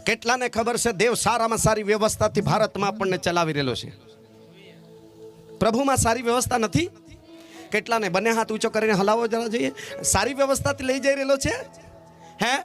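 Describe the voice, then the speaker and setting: A man's voice: very high voice, a little fast, soft background music. A man preaching a sermon as pastor with a Gujarati accent, calling out to the congregation and slipping into a sung delivery. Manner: animated call-and-response preaching, sometimes sung.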